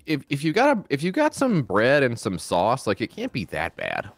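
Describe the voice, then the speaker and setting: A man's voice: medium pitch, wildly swooping pitch, normal speed, dry recording, faint music behind. A man co-hosting a live stream, chatting easily about the video they watch. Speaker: co-host reacting to videos. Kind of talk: casual stream chat.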